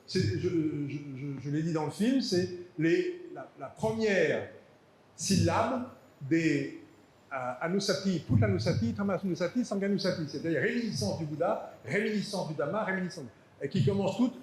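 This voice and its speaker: A man's voice: a little high, darkish tone. A man giving an academic lecture, hesitant and repeating words, with dry asides. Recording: echoey hall.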